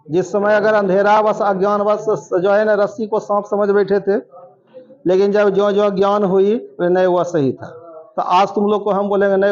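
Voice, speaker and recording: Teacher guy, slow and highish, drilling sounds at the class, muffled recording. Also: darkish tone. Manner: drills sounds aloud, quizzes students. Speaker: coaching teacher. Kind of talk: classroom lecture.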